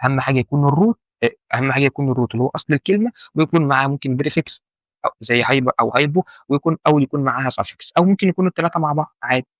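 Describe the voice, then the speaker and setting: Talking very fast in a mid-range voice, a man with an Egyptian Arabic accent teaches medical terminology in a relaxed way. He restates key points and puts questions to the listener, with no room sound in the audio.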